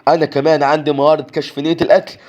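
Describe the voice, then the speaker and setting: A man's voice: on the high side, flat delivery, rapid-fire, a little mellow, lo-fi sound, natural voice. A man reading as a cold, mocking young powerhouse. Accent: Egyptian Arabic. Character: lazy, coldly ruthless young man hiding great power.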